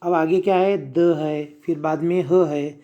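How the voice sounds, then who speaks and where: A man's voice: on the high side, steady tone, a little slow, dark tone, highs cut off. A male teacher, patiently sounding out letters and asking the class to repeat words. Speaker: primary school Urdu teacher. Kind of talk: slow spelled-out reading lesson for children.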